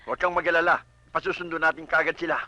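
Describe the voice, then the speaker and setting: A man's voice: on the high side, little pitch movement, very fast, sharp tone, no echo, highs cut off. An actor playing a doting father who speaks in a reassuring way.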